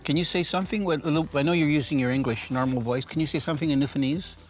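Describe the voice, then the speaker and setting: A man's voice: on the high side, racing, faint music behind. A man hosting a fishing show, chatting casually and teasing his guest over a meal. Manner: joking, teasing, talks while eating.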